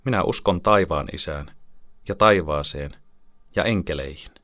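A man's voice: deep voice, fairly bright tone, no echo, studio quality. A man reading an earnest young boy. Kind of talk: audiobook character reading.

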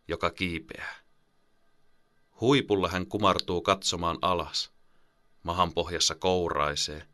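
A man narrating a children's audiobook in a calm, even storytelling manner. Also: sits low.

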